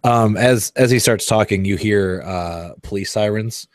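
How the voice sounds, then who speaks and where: Low-voiced man running a tabletop game. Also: unhurried, no room sound, clean studio sound. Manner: laughing, loose, stumbling restarts. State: tipsy from wine. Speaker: game master. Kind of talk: narrating a tabletop role-play.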